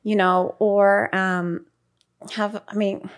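A middle-aged woman, a school paraprofessional, talking casually in an interview, chatty and quick to laugh, with many fillers. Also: mid-range voice, flat delivery. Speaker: paraprofessional guest.

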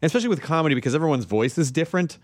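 A man hosting a podcast, talking in an animated, joking way. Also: fairly high pitch, racing. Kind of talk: casual podcast conversation.

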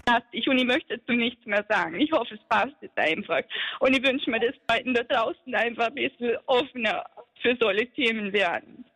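A woman's voice: on the high side, normal speed, a bit bright, slightly rough, no room sound, poor audio. A woman calling a radio show, crying and upset as she protests. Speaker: caller. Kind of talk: emotional call to a radio show.

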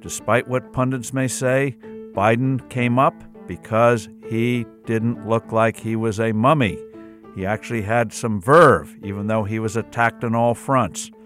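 A man with a mid-range voice hosts an interview show. He offers political commentary and asks questions in a measured, conversational manner.

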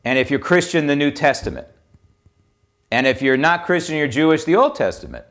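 American male talk host, opinion monologue: emphatic, exhorting, very lively intonation. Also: a little high, fairly quick. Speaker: political talk show host.

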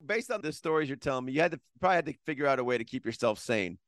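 Guy hosting a podcast, joking around, bouncy pitch, dry sound. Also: animated, rapid-fire, dry recording. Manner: joking, teasing, laughs a lot. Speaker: podcast host. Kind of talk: casual interview.

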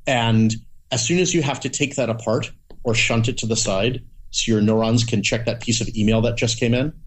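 A man's voice: mid-range voice, fairly even intonation, moderate pace. A man chatting casually as a podcast guest, rambling with many restarts and playful acted-out asides. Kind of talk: casual conversation.

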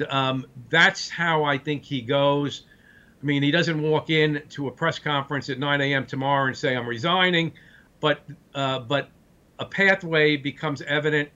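A man's voice: medium pitch, pushed and bright, lo-fi sound. A man from Brooklyn with a Brooklyn accent gives blunt, straight-shooting political commentary as an interview guest. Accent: Brooklyn, New York. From Brooklyn, New York.

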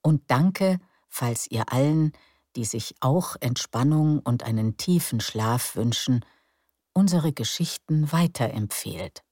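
A woman narrates soothing sleep stories as a podcast host, in a calm, gentle, unhurried way. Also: very deep voice, no room sound, clean studio sound. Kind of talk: soothing bedtime story narration.

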